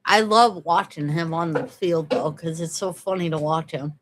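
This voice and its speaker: A woman's voice: sits low, normal speed, noisy background. A woman co-hosting a casual stream, mostly chiming in with short, amused agreements. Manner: brief agreeing interjections, drawn out, amused. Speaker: co-host. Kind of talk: casual chat.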